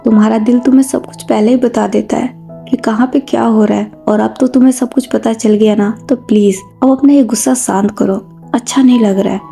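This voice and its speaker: A woman voicing a middle-aged husband who teases his wife and calms her down. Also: medium pitch, vocal fry, lightly acted. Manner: teasing, placating. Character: teasing middle-aged husband and father, calm peacemaker.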